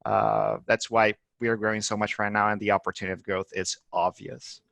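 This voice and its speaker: A Brazilian man, head of marketing, is the guest in a business interview, eagerly searching for words and repeating them as he finds his phrasing. His lowish voice is creaky and fairly bright, with a flat, slightly fast delivery. The recording is dry.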